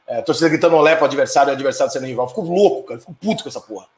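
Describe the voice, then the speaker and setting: A middle-aged man with a Brazilian Portuguese accent hosting a live stream, reading viewer comments and answering them in a profane, heated, ranting way. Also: mid-range voice. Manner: profane, fiery, quick to anger and rant. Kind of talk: casual heated live chat. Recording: echoey room.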